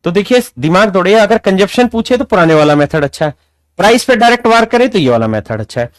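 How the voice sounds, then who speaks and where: Guy teaching maths, kinda high voice, dry close sound, keeps asking the kids if they get it. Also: dry recording. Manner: lively, calls students "my dear children", rhetorical questions. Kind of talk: classroom maths lesson.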